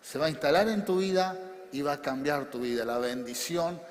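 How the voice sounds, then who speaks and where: Rioplatense male pastor, sermon, high voice, shouts then softens, long hall reverb. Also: normal speed. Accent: Rioplatense Spanish. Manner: preaching with bursts of shouting and soft drops.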